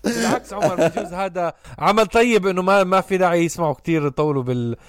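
Very fast, high-voiced man, Levantine Arabic accent. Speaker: podcast host. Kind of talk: casual chat.

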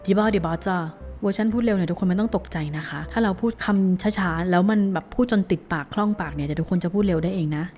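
A woman teaching a language lesson. She reads each phrase slowly, syllable by syllable, then says it at normal speed, and cheers her learners on. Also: fairly low pitch, a little mellow, soft background music. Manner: encouraging, cheerful, spells words out syllable by syllable.

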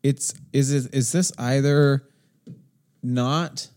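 A man's voice: mid-range voice, steady tone, slow pace, warm tone. A man co-hosting a casual talk show, ranting animatedly and acting out what other people say. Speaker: podcast co-host. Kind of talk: casual conversation.

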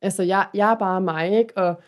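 A woman's voice: mid-range voice, steady tone. A woman talking openly and thoughtfully in a casual chat, often ending with a questioning tag. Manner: open, confiding, thoughtful.

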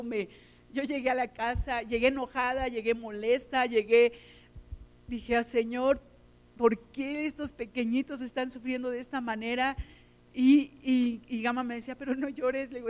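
A middle-aged woman preaches with a fairly high voice. She tells personal stories with feeling and often repeats words for emphasis. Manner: emotional, storytelling, repeats words. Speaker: teacher and lay preacher.

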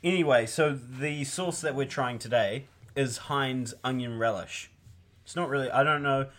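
A man's voice: mid-range voice, normal speed, fairly bright tone, a little hiss or hum. A man, co-hosting a casual chat and joking crudely with friends. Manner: crude, laughing, jokey. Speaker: podcast co-host. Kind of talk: casual banter.

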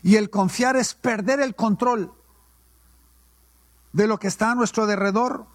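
A man's voice: high-pitched, measured pace, no room sound, clean studio sound. A male pastor, preaching a sermon and asking questions that he answers himself. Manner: call-and-response preaching, asks and answers his own questions.

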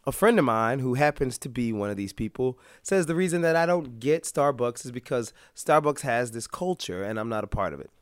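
An American man hosting a vlog, hoarse from being sick, giving a comedic rant in a sarcastic, exasperated manner. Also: medium pitch, expressive, brisk, hardly any pauses, no echo, clean studio sound. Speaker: vlog host.

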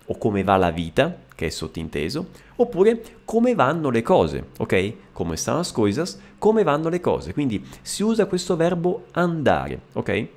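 A man teaching an Italian lesson to Portuguese speakers, explaining phrases and repeating them slowly with frequent "ok?" checks. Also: mid-range voice, huge pitch swings, darkish tone.

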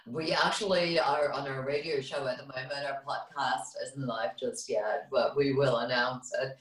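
A woman's voice: rumbling low, fairly even intonation, moderate pace. A woman from Germany, a DJ and radio co-host, chatting casually in an interview, laughing often and restarting her sentences over a video call. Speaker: DJ and radio show co-host, guest. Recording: roomy and distant.

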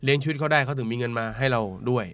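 A middle-aged man speaks as a podcast guest, blunt and folksy, dropping jokes and acting out what others said. He talks quickly, and the recording is dry and close with no room sound. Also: medium pitch, fairly even intonation, fairly bright tone, no room sound. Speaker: money coach, guest on podcast. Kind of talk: casual podcast conversation.

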